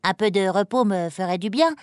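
A woman's voice: fairly quick, clear, resonant tone, no echo, studio quality, close to an everyday voice. A woman voicing a fussy, irritable male rabbit who exclaims and scolds in a raised voice, in a storybook reading. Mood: sheepish. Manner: high-strung, exclaiming, scolding.

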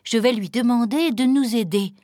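A woman voicing a frightened but clever young girl in a storybook reading, asking softly. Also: fairly high pitch, normal speed, no echo, studio quality, lightly acted. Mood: timid.

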